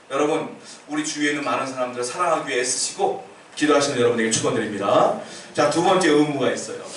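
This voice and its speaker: A man's voice: fairly high pitch, fairly bright tone, a little hiss or hum. A male pastor giving a sermon in a conversational, storytelling manner, recorded in a church sanctuary. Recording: echoey church hall from far off.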